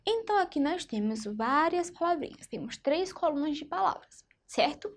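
A woman's voice: high voice, very animated, normal speed. A woman teaching a phonics lesson to young children in Brazilian Portuguese. She is patient and keeps asking the class if they follow. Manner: patient, checks in with "tá vendo?" and "certinho?". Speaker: primary school teacher.

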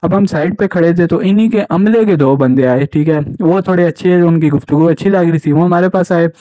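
A young man speaks in a slightly high, mellow voice. He tells his story in an indignant, casual way and keeps checking in with the listener. The recording is dry and dull, with a lo-fi sound. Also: fairly quick, dry recording. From Pakistan. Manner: indignant, keeps asking "right?" as he recounts. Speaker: jobs channel host. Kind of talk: casual first-person account to camera.

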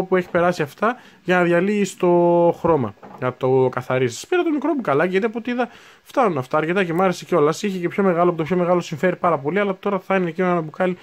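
A man in his twenties chatting casually as he unboxes new hobby supplies, thinking aloud and correcting himself as he goes. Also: a little high. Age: 20s. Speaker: unboxing video host.

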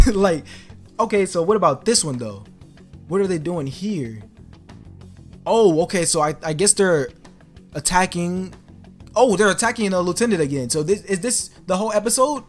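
Young adult man, high-energy casual reaction commentary, slangy, exclamatory, thinking aloud, background music. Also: expressive, normal speed, pauses often. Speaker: reaction video creator. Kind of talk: casual excited anime preview reaction commentary. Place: small bedroom, indoors.

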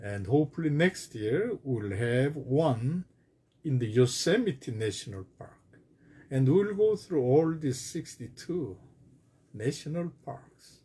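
Slow, husky-voiced male pastor preaching. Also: very animated, mellow. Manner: slow, emphatic preaching with wide pitch swings. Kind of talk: sermon.

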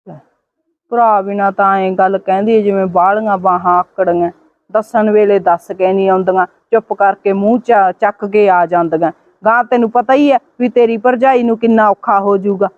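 A fussy, grumbling old village mother, played by a woman, given to scolding asides. Her voice sits mid-pitch and sounds tinny, as if over a phone line. The recording is very dry and close. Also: fairly even intonation, moderate pace, no room sound, close to an everyday voice.

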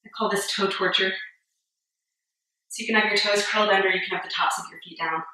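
A woman in her thirties leading a guided yoga class, cueing each move calmly and a little out of breath. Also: medium pitch, fairly quick. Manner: calm step-by-step cueing, a little breathless and joking. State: a bit out of breath. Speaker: yoga instructor. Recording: very echoey room, voice far from mic.

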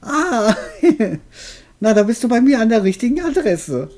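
An old video game witch, acted out by a man, speaks in a raised, high voice. She is amused and helpful, with deliberate delivery. Music plays behind her. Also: big pitch swings, a little mellow, heavily acted.

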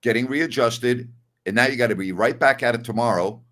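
A man's voice: mid-range voice, fairly quick, fairly bright tone. An older man hosting a postgame basketball talk show over a video call, emphatic and opinionated, repeating his key words. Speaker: sports talk host.

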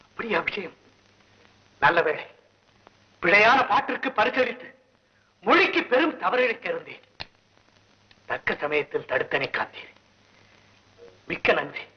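A regal, husky-voiced king. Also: high-pitched, very animated, unhurried, long pauses, exaggerated voice. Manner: formal, ceremonious speech. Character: regal, courteous male king. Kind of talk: 1960s Tamil film acting. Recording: dull old film soundtrack.

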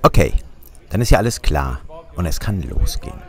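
A man's voice: low-pitched, sing-song, moderate pace, gravelly. A German man narrating a sailing vlog in a wry, dryly humorous voice-over.

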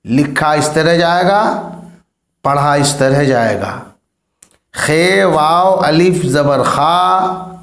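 A man teaching Urdu reading, spelling words out letter by letter in a slow, drawn-out manner. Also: on the high side, a bit bright, reverberant.

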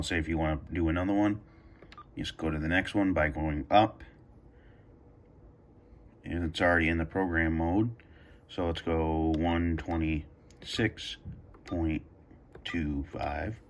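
Using a low, fairly bright voice, a video host demonstrates a radio scanner in a casual, improvised tutorial. He's indoors at home on carpet, thinking aloud and hesitating as he presses buttons.

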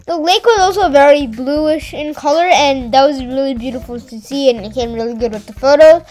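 A woman's voice: high-pitched, brisk, a little mellow, soft background music, rough recording. A woman narrating a travel vlog in a casual voice-over, chatty, with frequent fillers and restarts. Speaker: travel vlogger.

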